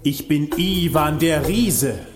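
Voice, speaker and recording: A man singing as a gentle, lonely young giant in a children's story song, slow and soft. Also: fairly high pitch. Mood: wistful. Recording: song over loud piano.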